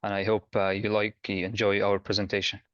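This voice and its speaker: A man's voice: fairly low pitch, monotone, fairly quick, smooth, dry recording. A young man from Egypt introducing himself as co-presenter on a video call, hesitant and with fillers. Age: young adult. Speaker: webinar co-presenter. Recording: dull, dry video call audio.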